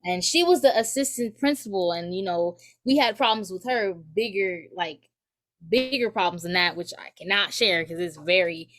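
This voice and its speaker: A woman's voice: on the low side, normal speed, a bit bright, a little hiss or hum. A woman student giving earnest personal testimony at a community forum, with many fillers and restarts.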